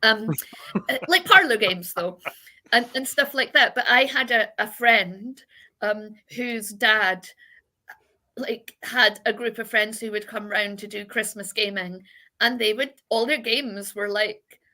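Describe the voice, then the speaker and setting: A woman's voice: fairly high pitch, a little slow, pushed and bright. A woman co-hosting a casual podcast chat, reading out listener comments and chatting about board games. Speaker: podcast co-host.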